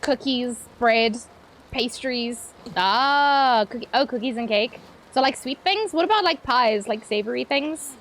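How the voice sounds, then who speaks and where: A woman's voice: a little high, measured pace, fairly bright tone, slight background noise, low-quality recording. A playful young woman teasing her chat. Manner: playful, teasing, laughs often. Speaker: streamer. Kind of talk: casual gaming stream chat with viewers.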